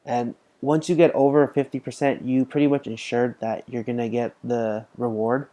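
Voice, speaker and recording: Young male gaming host, sleepy rambling commentary, warm mellow tone. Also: mid-range voice. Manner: rambling, tired, lots of fillers and restarts. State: tired, yawning. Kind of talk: casual gameplay commentary.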